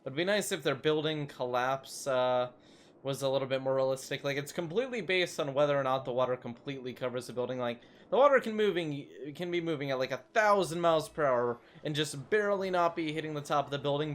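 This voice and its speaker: A man's voice: mid-range voice, fast talker. A young man casually commenting while playing a city-building game, chatty and self-mocking, rambling into asides. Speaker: gaming YouTuber.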